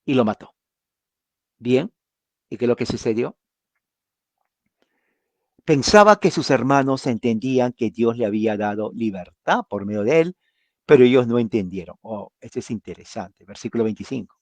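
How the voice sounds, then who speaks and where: Male Bible teacher, mid-pitched voice, conversational and animated, dry recording. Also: moderate pace, pauses often, no room sound. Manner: explains with rhetorical questions and acted-out quotes.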